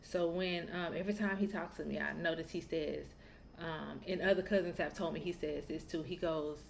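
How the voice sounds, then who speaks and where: Podcast host woman, gravelly low voice, candid chatty storytelling, faint background noise. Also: fairly even intonation, moderate pace. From Southern United States. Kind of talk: casual podcast monologue.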